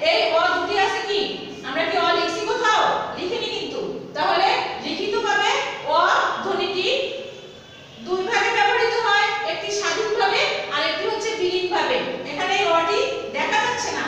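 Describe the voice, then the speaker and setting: A woman teacher giving a grammar lesson, repeating words slowly and putting questions to her listeners. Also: very high-pitched, pushed and bright. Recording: echoey room from far off with faint noise.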